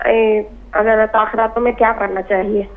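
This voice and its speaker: A woman's voice: on the high side, flat delivery, normal speed. A woman calling in who formally lists her questions one by one. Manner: formal, orderly listing of questions. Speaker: caller. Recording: tinny, gravelly phone line.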